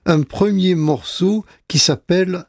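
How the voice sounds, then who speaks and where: A man's voice: high voice, slow. A man presenting jazz albums on a radio show in a casual, hesitant way, with many fillers and restarts. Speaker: radio music columnist. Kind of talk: casual radio music chat.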